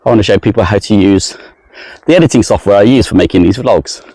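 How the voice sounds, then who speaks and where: A man's voice: lowish voice, fast, a little mellow, no echo. A man talking casually to his camera while walking outdoors around a lake in the heat, rambling and self-deprecating. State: sweaty in the heat. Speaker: travel vlogger. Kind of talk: casual walking vlog monologue.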